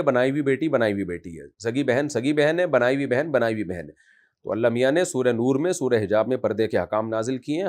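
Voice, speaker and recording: Forceful man giving a scolding religious talk. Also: medium pitch. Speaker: Islamic scholar answering questions.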